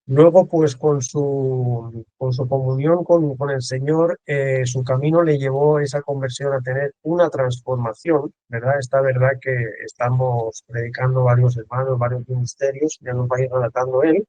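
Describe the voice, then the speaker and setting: A man hosting a casual video-call interview, talking in a warm way with many restarts and repeated words. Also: medium pitch, steady tone, moderate pace, no room sound, highs cut off. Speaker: host.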